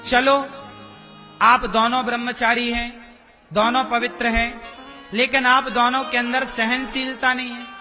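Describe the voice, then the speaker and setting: A man giving a religious discourse, slowly questioning his listeners and acting out quoted speech. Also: very high voice, level tone, bright, forceful tone, soft background music. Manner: slow, questioning the audience, acts out quoted speech. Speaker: preacher.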